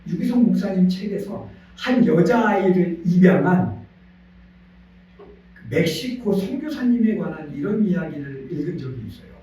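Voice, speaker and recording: Male pastor, animated storytelling sermon, high tenor voice; recorded at a distance in a reverberant church. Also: moderate pace. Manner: animated storytelling preacher, leads congregation in call-and-response. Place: church sanctuary. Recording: echoey church hall, voice from a distance.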